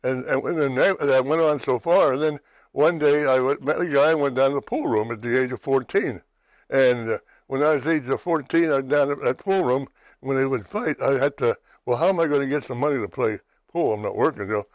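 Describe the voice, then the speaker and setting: A man's voice: mid-range voice, brisk, dry recording, poor audio. Rambling male talk show host. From western Pennsylvania, USA. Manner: rambling, restarts, keeps asking "right?". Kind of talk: personal testimony chat.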